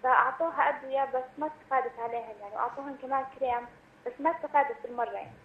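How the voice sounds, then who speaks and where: A woman calls in over a glitchy phone connection that sounds thin and tinny, with an echo and faint hiss behind it. Her voice sits high and she talks very fast. She repeats herself to be understood. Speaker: caller.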